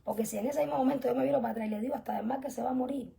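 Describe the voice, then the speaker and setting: A young woman teaching an online religious class, earnest and emphatic, often dropping to soft whispered asides. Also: sits high, very fast, creaky. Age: young adult. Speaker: spiritual teacher.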